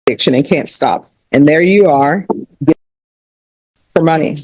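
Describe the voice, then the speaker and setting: A woman judge speaking firmly and deliberately at a courtroom sentencing. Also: deep voice, darkish tone, no echo, low-quality recording. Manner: firm, measured, questioning.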